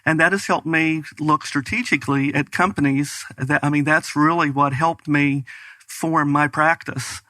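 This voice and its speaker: A man's voice: on the high side, fairly even intonation, moderate pace, bright, forceful tone, dry recording. A middle-aged man with a West Virginia Appalachian accent, answering conversationally as an interview guest. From West Virginia, United States. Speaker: guest, business strategy consultant.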